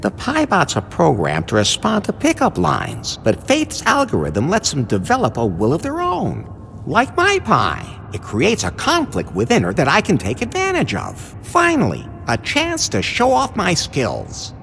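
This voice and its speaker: Sleazy middle-aged loser lothario in a video game, cocky n whiny, super animated, bright sharp voice. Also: male voice, a little high, a little slow, gravelly, a little hiss or hum, heavily acted. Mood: scheming, explaining. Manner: theatrical, wisecracking. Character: hapless middle-aged male lecherous would-be seducer, cocky, whiny.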